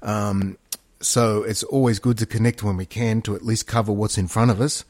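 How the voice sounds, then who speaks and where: A man's voice: lowish voice, fairly even intonation, normal speed, darkish tone, no room sound. A man in casual, opinionated podcast talk, rambling, emphatic and matey, often repeating himself. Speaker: podcast co-host.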